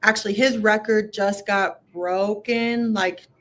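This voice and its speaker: A woman's voice: medium pitch, steady tone, slow, a bit bright. A young woman from Minnesota, a guest talking women's basketball in a casual interview, with lots of "um" and "like". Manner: chatty, many fillers like "um" and "like".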